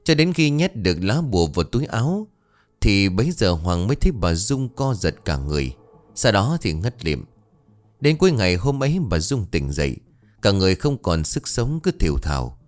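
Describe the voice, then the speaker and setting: A man narrating a ghost story in a dramatic, expressive way. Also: lowish voice, moderate pace.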